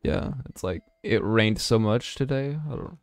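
A man's voice: lowish voice, moderate pace, creaky, no room sound, faint music behind. A young man hosting a let's play, chatting casually and jokily over the game and reading its lines aloud. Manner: animated, jokey, reads game lines aloud. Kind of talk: casual gameplay commentary.

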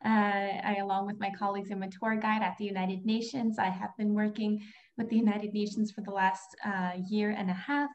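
A woman's voice: mid-range voice, little pitch movement, moderate pace, dull audio. A young woman from Russia, a tour guide, eager and upbeat on a video call. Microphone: laptop video call.

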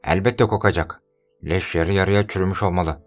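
A man's voice: sits low, steady tone, moderate pace, soft background music, close to an everyday voice. A man voicing a bossy, scheming male steward in an audiobook, curt and scornful.

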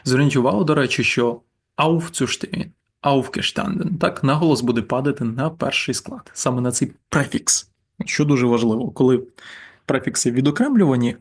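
A man teaching a German grammar lesson over slides, explaining patiently and repeating examples slowly. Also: medium pitch.

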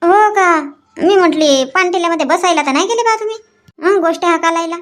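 A woman's voice: extremely high pitch, fairly quick. A woman, playing a complaining wife in a rustic comedy sketch. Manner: nagging, complaining.

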